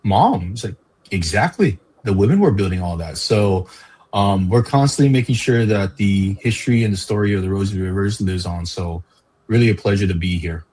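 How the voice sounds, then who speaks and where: A man's voice: lowish voice, animated, moderate pace, darkish tone, breathy edge, poor audio. A man from Hawaii, a park educator, talking earnestly as an interview guest with frequent fillers. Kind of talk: casual interview chat.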